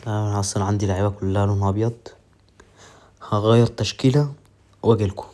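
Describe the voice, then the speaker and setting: A man with an Egyptian accent commentating his own football game match with excited, joking play-by-play. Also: fairly low pitch, fast talker. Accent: Egyptian Arabic. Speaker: mobile football gamer.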